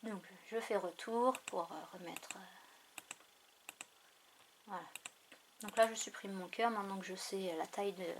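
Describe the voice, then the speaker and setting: An unhurried woman narrates a casual screen tutorial, pausing often and musing aloud over each step. Her pace is slow and easy. Mouse clicks and a clear background noise run under her home recording. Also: mid-range voice, steady tone. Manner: unhurried, thinking aloud with frequent fillers. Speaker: craft tutorial host.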